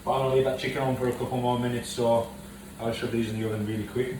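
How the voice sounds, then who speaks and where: A man's voice: mid-range voice, level tone, racing. A man casually explaining a recipe step by step in his home kitchen. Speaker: co-host of home cooking video. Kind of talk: casual cooking instruction. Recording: echoey kitchen, mic far off, noisy.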